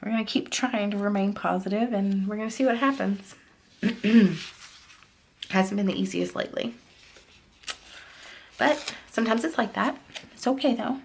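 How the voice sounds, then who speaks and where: A woman's voice: medium pitch, moderate pace, gravelly, long pauses, slight background noise. A woman vlogger chatting casually while decorating her planner, rambling and confiding as she drifts off-topic.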